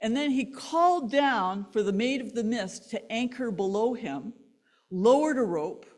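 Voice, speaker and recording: A woman pastor, delivering a sermon as an animated story and laughing between lines. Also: a little high, unhurried.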